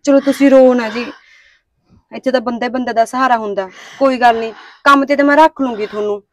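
A woman playing a quick, earnest young daughter-in-law. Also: fairly high pitch, fairly even intonation, no echo, close to an everyday voice. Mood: consoling. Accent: Punjabi. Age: young adult. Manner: quick, earnest, talks back. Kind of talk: village family drama acting.

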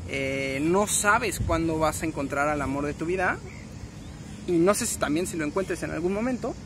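A man's voice: fairly high pitch, animated, moderate pace. A young Mexican man vlogging to his phone in a city park, rambling in casual slang and correcting himself as he goes. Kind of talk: casual selfie vlog. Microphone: phone at arm's length. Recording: outdoor noise, passing traffic.

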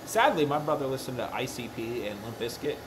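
Speaking a little fast and expressively at medium pitch, a thirtysomething man talks to his live stream from a crafting table in a workshop room. He rambles and keeps correcting himself, and the background is noisy.

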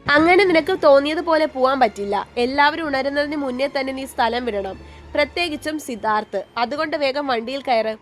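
A woman's voice: high voice, normal speed, soft background music, natural voice. Woman reading as a stern scolding woman. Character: stern older woman, Anjali.

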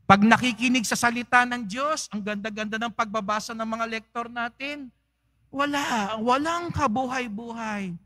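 Priest preaching in church, high voice, unhurried, plenty of teasing questions to the pews. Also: male voice, pushed and bright, big-room sound. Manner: playful rhetorical questions to the congregation. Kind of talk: sermon.

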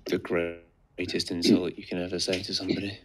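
A man with a fairly low voice talks through an episode in a relaxed commentary chat. He laughs easily and keeps his remarks short and easygoing. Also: brisk, slight background noise.

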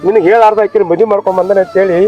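A man's voice: high voice, fairly even intonation, very fast, lo-fi sound, soft background music, natural voice. A man with a North Karnataka accent playing an emotional young son caught between his stepmother and his wife in a village family drama skit. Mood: pleading. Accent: North Karnataka Kannada. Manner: pleading, emotional. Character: pleading young married son, torn between mother and wife.

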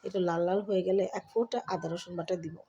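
A middle-aged woman from Bangladesh, chatting casually to viewers while she cooks and cleans at home. She has a cold and keeps her voice soft. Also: lowish voice, fast talker, muffled recording, slight background noise. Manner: chatty, talks to viewers while doing chores. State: has a cold, speaks softly. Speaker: vlogger. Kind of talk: casual cooking and home vlog narration. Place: home kitchen.

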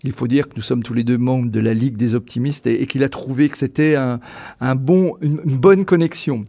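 A man's voice: medium pitch, fairly quick, creaky, mellow. A man hosting a podcast, speaking conversationally as he interviews his guest.

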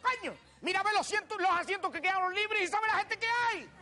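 A man's voice: extremely high pitch, a little fast, soft background music, a faint crowd, heavily acted. A man playing a cheeky old rustic countryman with a Canarian accent, telling brash, crude stories on a TV stage. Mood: storytelling. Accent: Canarian Spanish. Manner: brash, shouting punchlines, swearing freely. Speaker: stand-up comedian. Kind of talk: character stand-up monologue. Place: TV studio stage before a live audience.

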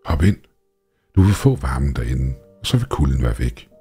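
A man voicing a sinister old man who tends a boiler, with a hoarse voice and a coaxing, pushy way of talking. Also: rumbling low, very animated, faint music behind, exaggerated voice. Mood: impatient. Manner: coaxing, then impatient and shouting.

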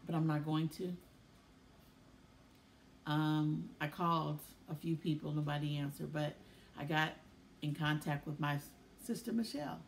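Weary middle-aged woman, low gravelly voice, halting video diary talk, faint background hiss. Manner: weary, emotional, halting with many pauses. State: tired and tearful. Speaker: vlogger. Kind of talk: casual personal video diary.

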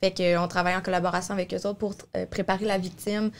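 A young support worker with a Québécois French accent guests on a podcast recorded in a small studio, speaking rapid-fire in a fairly low voice with little pitch movement. Her explanations in this casual discussion are full of fillers and self-corrections, captured on a boom-arm studio mic with headphones, with a little hiss or hum in the background.

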